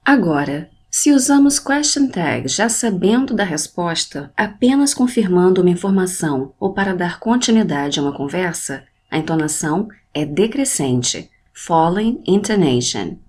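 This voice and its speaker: A woman narrating an English lesson, speaking clearly and deliberately, modelling English phrases and then translating them. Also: on the low side, expressive, a little mellow. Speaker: English teacher. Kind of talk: scripted language lesson narration.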